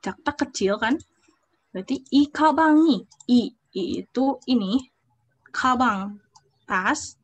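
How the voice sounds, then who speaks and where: A young woman teaching an online language class, her voice sitting fairly high. She walks through each point step by step and keeps checking whether the students follow. She reads example phrases aloud between her explanations. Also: takes it slowly, pauses often, breathy edge.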